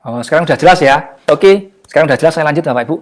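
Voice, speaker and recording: Man, slightly high voice, casual online class talk, jokey, searching for words. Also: lively intonation, rapid-fire. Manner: chatty and jokey, often searching for words with fillers. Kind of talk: casual motivational talk to a live online audience.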